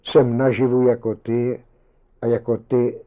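A man's voice: mid-range voice, little pitch movement, warm tone, dull audio, natural voice. A man voicing a humanlike marionette double of a man who earnestly complains that he is kept in a box, in an audiobook reading. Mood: complaining.

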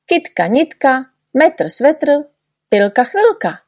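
A woman voicing a tiny, eager, boastful male know-nothing in a storybook reading, talking excitedly and bragging. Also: mid-range voice, breathy edge. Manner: excited, shouty, quick to brag.

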